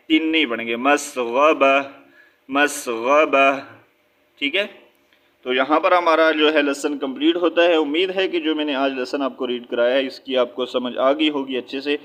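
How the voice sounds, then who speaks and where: A man with a Pakistani accent teaching a Quran reading lesson, spelling out syllables slowly and then joining them, and checking often whether his listeners follow. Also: a little high, bright, forceful tone. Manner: checks understanding with a repeated "okay?".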